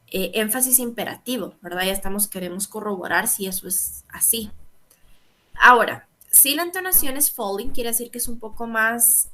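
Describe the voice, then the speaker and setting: A woman's voice: a little high, sharp tone. A woman teaching an English grammar lesson, explaining patiently and checking in with "¿verdad?" again and again. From Guatemala. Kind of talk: online lecture explaining grammar.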